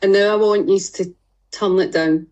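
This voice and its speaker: A woman's voice: medium pitch, fairly even intonation, normal speed, darkish tone, highs cut off. Direct Scottish woman coaching a group. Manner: direct, reassuring, guiding exercises. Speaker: fitness and mindset coach.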